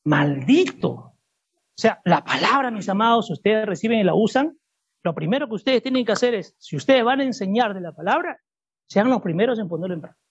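A husky man preaches to his church congregation, pressing his points and throwing questions back at the room. The recording sounds muffled and dull. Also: high-pitched, animated, a little fast. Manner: emphatic, asks the congregation rhetorical questions. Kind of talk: sermon. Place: church service before a congregation.

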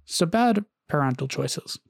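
A man's voice: on the high side, expressive, measured pace, vocal fry, no echo, studio quality. A man hosting a casual podcast, telling a story with frequent "uh"s and restarts and reading long quotes aloud. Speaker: podcast host.

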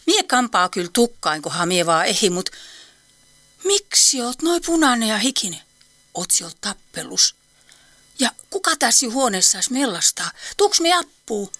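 A woman's voice: on the high side, sing-song, a bit bright, dry recording. An actress playing a nosy, fussy elderly woman with an Eastern Finnish dialect in a radio play. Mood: fussing. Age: older.

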